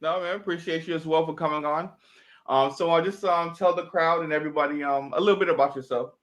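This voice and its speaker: A man's voice: on the high side, fairly even intonation, fast, fairly bright tone. Easygoing male show host. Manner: easygoing, many "um" fillers. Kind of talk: casual interview hosting.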